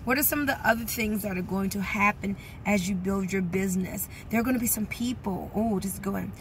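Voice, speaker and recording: A woman's voice: mid-range voice, fairly quick, a little hiss or hum. A woman giving a motivational talk as a network marketing coach, speaking directly to her viewers with emphatic encouragement.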